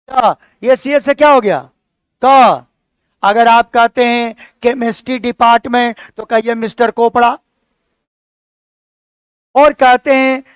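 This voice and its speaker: A man's voice: very high voice, clear, resonant tone, dry recording. A male teacher giving a classroom lecture, explaining things step by step and asking his students questions as he goes.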